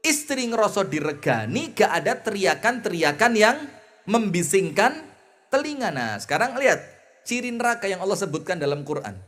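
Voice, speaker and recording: High-voiced Javanese preacher, lively sermon. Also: male voice. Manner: chants Arabic phrases slowly, then explains in a chatty voice; swings between loud emphasis and soft asides. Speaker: Islamic preacher.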